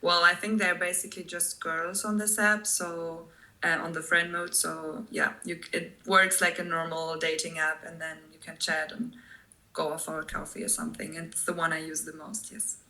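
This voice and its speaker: A woman's voice: lowish voice, little pitch movement, normal speed, bright, forceful tone, rough recording. A young woman from Germany with a German accent, chatting casually as an interview guest and laughing often between direct answers. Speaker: guest, former tour guide.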